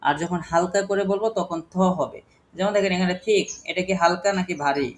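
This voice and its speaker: A man's voice: sits high, normal speed. Patient male teacher spelling out words. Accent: Bangladeshi. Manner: patient, asks the class questions and spells letter by letter. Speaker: English teacher. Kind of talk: classroom phonics lesson.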